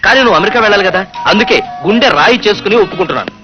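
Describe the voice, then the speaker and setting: An actor playing an eager, scheming young husband in a comedy film, talking briskly. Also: male voice, sits high, close to an everyday voice. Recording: dull film audio with music.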